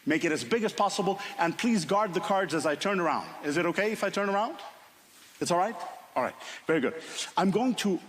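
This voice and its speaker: Gesturing playfully, a Finnish-accented man from Finland chats with two volunteers during his magic act on a TV studio stage with a live audience. His voice sits high and expressive, a little fast, over the noise of a loud crowd in a roomy studio.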